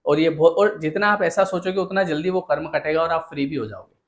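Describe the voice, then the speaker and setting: A man's voice: fairly high pitch, a little fast. Earnest man giving a motivational talk. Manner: earnest, asks rhetorical questions and addresses listeners directly. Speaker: motivational speaker and counsellor.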